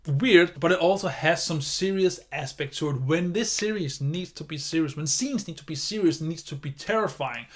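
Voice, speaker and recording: A man's voice: a little high, moderate pace, hardly any pauses. A man giving a casual video review of a TV series, enthusiastic and rambling, often circling back on his points.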